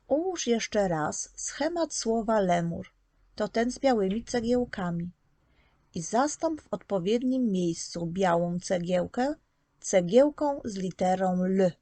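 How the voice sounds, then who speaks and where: A woman delivers a slow, scripted lesson to preschoolers, patient and unhurried, carefully sounding out each letter as she guides them step by step. Her mid-range voice is expressive with a dark tone, recorded close and dry with no room around it.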